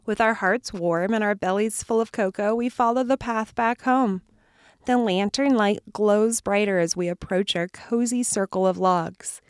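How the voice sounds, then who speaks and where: A woman tells a children's campfire story in a slow, soothing voice, dropping to whispers and leading call-and-response. Her voice sits at a middle pitch. The recording is dry and close. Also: smooth, dry recording.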